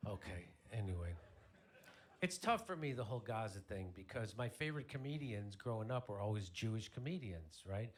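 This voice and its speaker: A man's voice: fairly low pitch, lively intonation, normal speed. A middle-aged man from Chicago's South Side doing stand-up on a club stage, telling stories in a wry, conversational way and slipping into voices for the people he quotes. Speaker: stand-up comedian. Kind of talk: stand-up comedy routine. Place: comedy club stage before a live audience.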